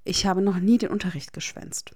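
A woman voicing a guarded, sharp-tongued teenage wizard boy with a dry, teasing manner. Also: mid-range voice, a little fast, slightly rough, close to an everyday voice.

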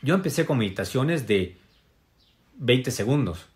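A man's voice: mid-range voice, expressive, measured pace. A man giving a casual spiritual wellness talk to an audience. He speaks reflectively, with many fillers and tag questions. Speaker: motivational speaker.

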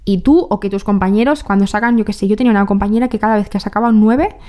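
A woman's voice: medium pitch, rapid-fire, mellow. A young woman hosting a podcast, musing candidly in a personal monologue, often correcting herself and asking rhetorical questions. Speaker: podcast host.

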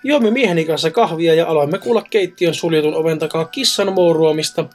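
A man's voice: on the high side, faint music behind. A man reading ghost stories aloud in a casual podcast chat, adding wry jokes between them. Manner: joking, wry asides. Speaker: co-host reading listener stories.

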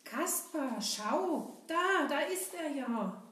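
A woman's voice: sits high, animated, very slow, fairly bright tone, exaggerated voice. A woman voicing Seppel, an eager, childlike boy sidekick in a children's puppet show. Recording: echoey, from a distance.

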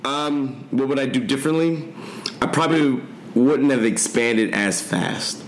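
A man answering interview questions as a guest, relaxed and thoughtful, with frequent "um" pauses. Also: mid-range voice, roomy sound, crowd noise. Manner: relaxed, thoughtful, hesitant fillers. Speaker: guest, gym owner.

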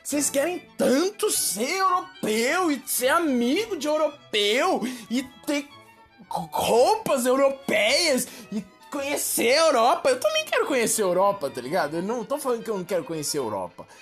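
A Brazilian woman ranting in a slangy, exasperated comic monologue to her viewers. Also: sits high. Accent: Brazilian Portuguese. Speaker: vlogger. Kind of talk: slangy comic rant to camera.

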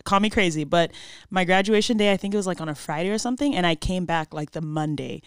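A woman's voice: fairly low pitch, fast, smooth, dry recording, studio quality. A young woman from Samoa, chatting casually and reminiscing in an informal way full of slang. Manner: informal, says dude and like often. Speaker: podcast guest.

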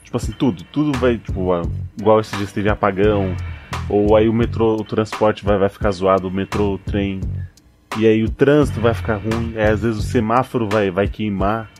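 A man's voice: lowish voice, fairly even intonation, moderate pace, over music. A man with a Brazilian Portuguese accent from São Paulo, chatting casually and rambling with lots of slang. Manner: rambling, repeating himself, heavy on slang fillers.

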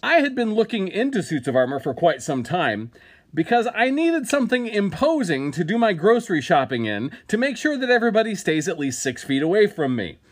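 A man's voice: sits high, sing-song, a little fast. A man hosting a comedy podcast, telling an absurd product review in a mock-serious, dry way. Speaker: podcast host.

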